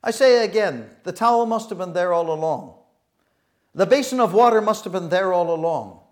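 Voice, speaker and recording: A man delivers a sermon with a slightly higher voice than most men. He talks earnestly, stumbling and restarting phrases, dropping quiet one moment and pressing hard the next. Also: lively intonation. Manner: earnest, halting with frequent restarts; swings between soft reflective and loud emphatic. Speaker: preacher.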